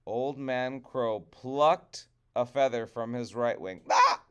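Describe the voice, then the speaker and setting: Male storyteller for trickster tale: unhurried, resonant, deliberate dramatic phrasing. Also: mid-range voice, smooth.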